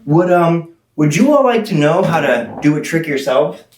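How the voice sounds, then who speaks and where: A woman's voice: sits low, sing-song, moderate pace, darkish tone, a little hiss or hum. A woman performing as a kids party magician, playfully teasing and coaxing children with questions in show patter. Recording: roomy, echoing sound.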